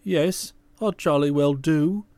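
A woman voicing a jilted, gloomy young Englishman who speaks in a hollow, halting way. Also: low-pitched, dark tone, no room sound, pitched below the performer's own voice. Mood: aggrieved.

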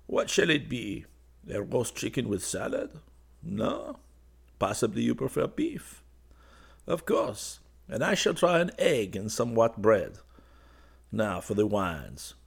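A man voicing a drowsy young painter who murmurs softly and dreamily to a cat. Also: mid-range voice, huge pitch swings, takes it slowly, creaky, husky, pitched above the performer's own voice, full character voice. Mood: wry. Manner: soft, dreamy, musing.

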